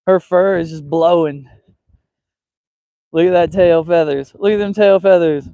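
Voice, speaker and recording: Walking a windy trail with a handheld, wind-covered mic, a livestream host chats to viewers and scolds his dog. His fairly high voice is smooth and unhurried, and the audio is narrow and tinny with no echo, though wind noise comes through.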